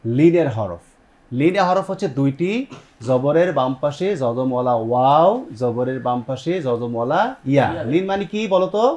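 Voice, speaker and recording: A man's voice: medium pitch, animated, a little mellow. A man from Bangladesh teaching a Quran tajweed lesson on TV. He explains step by step, quizzes his students, and repeats their answers back. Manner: repeats students' answers back, sounds out Arabic words slowly. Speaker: Quran recitation teacher and TV host.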